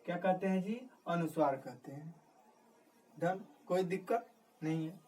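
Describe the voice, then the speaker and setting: Slow-talking male teacher, distant mic. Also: high voice, warm tone. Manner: repetitive, asks questions and answers them himself. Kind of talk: classroom grammar lesson. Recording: distant mic with faint background noise.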